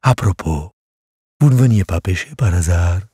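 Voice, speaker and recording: A man doing a low, genteel lady trout. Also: animated, moderate pace, breathy edge, no echo, studio quality. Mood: coaxing. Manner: genteel, coaxing, precious. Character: vain elegant female trout, sweetly predatory. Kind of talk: storybook character voice. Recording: soft music behind.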